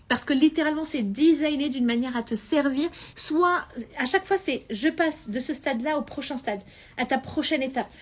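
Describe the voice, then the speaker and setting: Lively high-voiced woman coaching on a live stream. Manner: animated, mixes English phrases into French, frequent laughs.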